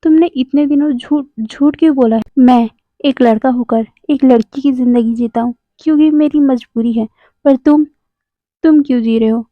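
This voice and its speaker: Hurt, stammering young man, put on by a woman; high voice, phone-like recording. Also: normal speed, dry recording, close to an everyday voice. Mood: stunned. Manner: stammering, breaks off words. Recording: dry, tinny phone-like sound.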